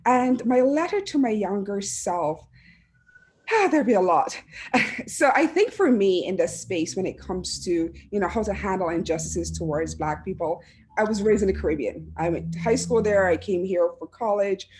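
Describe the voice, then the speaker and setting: A heartfelt woman with a lilt speaks as a panelist over a video call. Her pitch sits in a middle range, and she often restarts a phrase before she lands it. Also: animated, normal speed, darkish tone, a little hiss or hum. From Barbados. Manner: earnest, heartfelt, with frequent restarts. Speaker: panelist, education administrator. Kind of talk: reflective personal talk on a panel.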